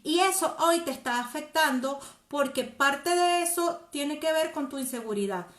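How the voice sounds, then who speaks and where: A woman talks directly to the viewers of her live stream, answering their comments. Her voice sits high, and the room around her gives a clear echo. She speaks in a gentle coaching way. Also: moderate pace. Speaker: host.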